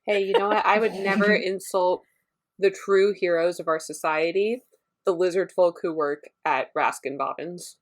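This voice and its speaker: A woman's voice: lowish voice, steady tone, moderate pace. A woman playing a tabletop game, joking around and laughing a lot. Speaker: player. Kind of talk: casual tabletop play.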